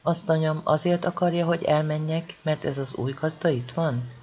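An audiobook reader voicing a sly male servant who asks soft, insinuating questions. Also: mid-range voice, highs cut off, slight background noise, lightly acted.

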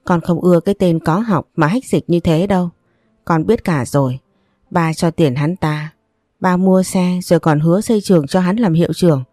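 A woman's voice: lowish voice, moderate pace, dark tone, dry recording, soft background music, natural voice. A woman voicing a young, spoiled but loving rich daughter who talks in an emotional, pleading way.

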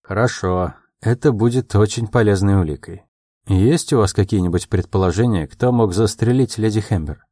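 A calm, earnest young sleuth in love, as the male narrator plays him in an audiobook. He speaks in a low, mellow voice, quietly and in measured phrases. The sound is close and dry. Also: no room sound, natural voice. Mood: probing, calm.

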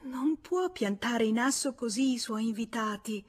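A woman reading an audiobook, voicing a flustered refined married woman who stammers in a hushed, breathless way. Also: on the high side, unhurried, voice pushed up.

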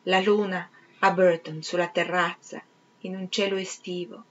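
A woman reading a literary novel aloud in a measured, expressive way, sometimes sinking to a whisper. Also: fairly low pitch, slight background noise. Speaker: reader. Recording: slightly dull, lo-fi recording.

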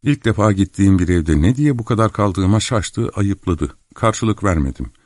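A man calmly narrating a literary novel in the first person as an audiobook reader. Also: low voice, no room sound, studio quality. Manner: calm, measured storytelling.

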